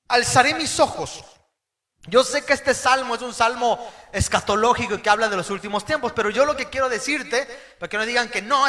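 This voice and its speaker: A very high-pitched male pastor preaches an emphatic sermon, calling on the congregation to repeat key words and sometimes shouting them.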